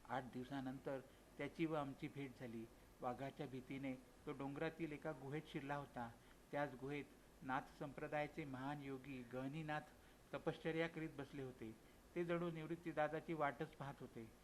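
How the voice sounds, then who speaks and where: A man's voice: mid-range voice, steady tone, moderate pace, slight background noise, poor audio. A man narrating a devotional story in the first person, in an earnest, emotional way, sometimes stumbling and restarting. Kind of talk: dramatic storytelling.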